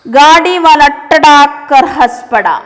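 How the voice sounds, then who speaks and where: A woman teacher with a high voice works slowly through a story for her class. She reads a line, then asks questions and glosses words in English. The voice carries a long hall reverb. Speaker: school Hindi teacher. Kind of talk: classroom lesson explaining a story.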